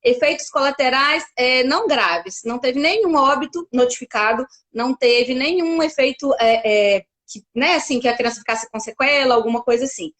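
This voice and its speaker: A woman's voice: sits high, moderate pace, few pauses, fairly bright tone. A woman from Brazil, a pediatric doctor, explaining things carefully in a casual interview, with many fillers and restarts.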